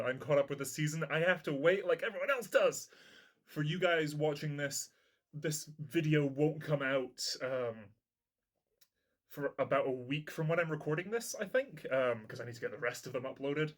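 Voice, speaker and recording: A man hosting a reaction video, chatting casually as he watches and thinking aloud, sometimes breaking into loud excited shouts. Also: medium pitch. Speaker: reaction channel host.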